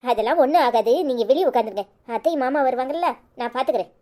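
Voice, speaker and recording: Woman voicing a calm young woman, cartoon, Kanyakumari Tamil accent, reassuring, warm tone. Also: high voice, quick pace, pitched below the performer's own voice. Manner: soothing, reassuring. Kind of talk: cartoon voice acting.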